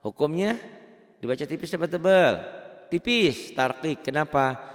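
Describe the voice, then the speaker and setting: A man teaching beginners Quran recitation rules in a casual, chatty way, chanting slow drawn-out examples. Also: fairly high pitch, animated, big-room sound. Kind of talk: online tajwid lesson for beginners.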